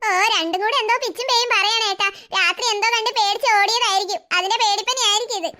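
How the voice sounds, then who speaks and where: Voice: extremely high pitch, fast talker, pushed and bright. A voice actor doing a harried, grumbling cartoon mom. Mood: alarmed. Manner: complaining, bossy. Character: busy mother, harried and sharp-tongued. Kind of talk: cartoon voice acting.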